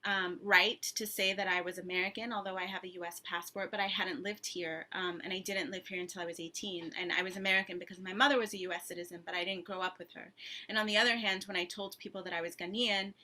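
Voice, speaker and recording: A woman's voice: on the low side, fairly even intonation, fast, pushed and bright. A woman author in her thirties answering at length in a thoughtful, conversational way, with frequent ums and restarts. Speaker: author and guest.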